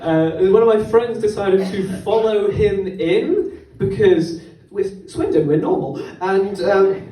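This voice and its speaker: A young man performs stand-up on a comedy club stage, talking in a rambling, self-mocking way that keeps tripping over itself. His voice is dark and mellow but sits a little high. The mic picks him up from some distance in an echoey room. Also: lively intonation, slow pace, a little hiss or hum. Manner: rambling, self-deprecating, stumbling delivery. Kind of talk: stand-up set. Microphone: handheld microphone. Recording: roomy club sound from a distance.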